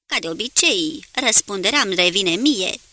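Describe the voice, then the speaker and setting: A woman's voice: medium pitch, expressive, bright, forceful tone, no echo. A woman reading the lines of a tired, burdened male submarine commander in an audiobook.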